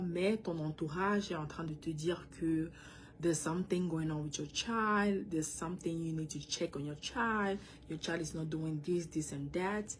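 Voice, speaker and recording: A woman from Cameroon with a Cameroonian French accent, a mother talking earnestly and directly to other parents, sometimes switching into English. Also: deep voice. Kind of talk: casual direct-to-camera talk.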